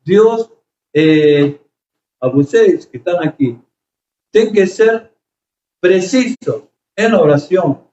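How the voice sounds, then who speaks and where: Pastor guy preaching, kinda high voice, lots of "eh", echoey dull church audio. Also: animated, takes it slowly, pauses often, mellow, a little hiss or hum. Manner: emotional, storytelling preacher with frequent hesitations. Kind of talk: sermon. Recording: echoey, slightly dull room recording.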